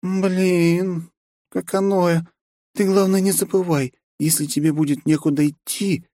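A man's voice: high-pitched, a little slow, no room sound, studio quality, voice pushed up. A man doing a gushing, giddy vampire woman. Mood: coaxing. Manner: gushing, excitable. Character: bubbly female vampire, gushing and playful.

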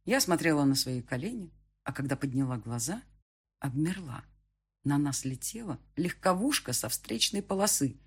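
A woman narrates a first-person audiobook in a quiet, shaken way. Her voice is lowish and breathy, with a husky grain.

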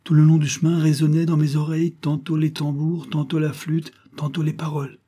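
Grave, husky male storyteller. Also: a little high, little pitch movement, a little fast, dark tone. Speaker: audiobook reader. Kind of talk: literary audiobook narration.

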